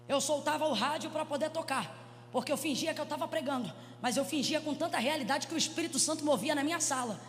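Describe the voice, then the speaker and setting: High-voiced Brazilian woman preaching. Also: fast talker, a little hiss or hum. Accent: Brazilian Portuguese. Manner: dramatic storytelling, swings from hushed to shouting. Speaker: pastor. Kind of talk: Pentecostal sermon. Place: large church hall. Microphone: handheld microphone. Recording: reverberant church hall with music.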